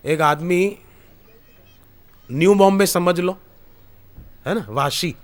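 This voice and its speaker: A man with a voice that sits high speaks at a slow pace, preaching a spiritual Hindi satsang to an audience in a discourse hall. He tells stories from scripture and quotes verses in an emphatic, rising delivery.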